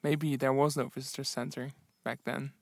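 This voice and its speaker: A tired man keeping a casual, halting audio diary outdoors, sheltering under an umbrella in the rain. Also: mid-range voice, flat delivery, creaky, dry recording. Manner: halting, rambling, reflective. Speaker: travel vlogger on a solo walking trip.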